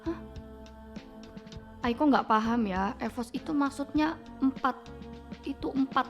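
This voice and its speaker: A woman's voice: high voice, a little slow, highs cut off, soft background music. A young woman with an Indonesian accent hosting a casual livestream, chatting playfully with her viewers and reading their comments aloud. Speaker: livestream host.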